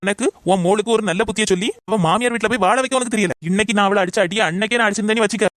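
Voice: mid-range voice, rapid-fire, a bit bright, no echo, clean studio sound, natural voice. A performer playing an exasperated grown son who scolds his mother. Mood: scolding. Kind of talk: comedy skit acting.

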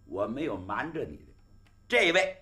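A man voicing a genial, frank old outlaw in a gravelly, dramatic storytelling manner. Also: mid-range voice, sing-song, normal speed, bright, forceful tone, a little hiss or hum. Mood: introducing guests.

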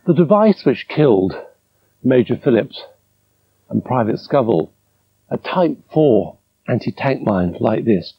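A man's voice: mid-range voice, slightly rough, lo-fi sound. A man in his fifties with a posh British accent, presenting a documentary in a well-spoken manner. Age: 50s. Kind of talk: documentary narration and demonstration.

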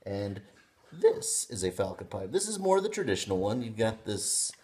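A man in his thirties chatting casually on his living room couch, showing off pipe bowls with excited, rambling talk full of restarts. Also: lowish voice, moderate pace. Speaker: pipe hobby vlogger. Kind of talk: casual unboxing vlog.

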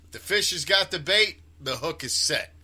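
A man's voice: on the high side, lively intonation, normal speed, pushed and bright, husky. A man co-hosting a show, telling stories with laughter and swearing in crude casual banter. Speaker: podcast co-host.

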